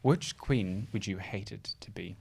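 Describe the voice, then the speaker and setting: A man's voice: lowish voice, unhurried, gravelly, darkish tone, slightly rough. A man hosting a casual chat show, putting questions to a guest in an informal way. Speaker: podcast host.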